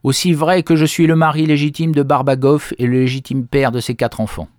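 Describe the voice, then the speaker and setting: A man voicing a desperate, excitable peasant farmer who exclaims and pleads in a raised voice. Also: a little high, a little fast, dry recording, studio quality, pitched above the performer's own voice, close to an everyday voice. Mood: uneasy.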